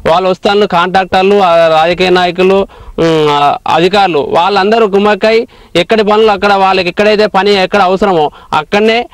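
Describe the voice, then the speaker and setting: A man's voice: high voice, steady tone, fairly quick, no echo. A male local protester speaking in a frustrated, accusing way.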